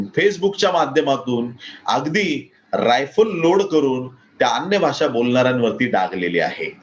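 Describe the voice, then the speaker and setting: Marathi-accented guy preaching hard, voice shoots up when he gets going, kinda dull lo-fi sound. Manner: impassioned preaching, rises in pitch to declaim. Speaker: pastor. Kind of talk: Marathi sermon. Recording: slightly dull lo-fi recording.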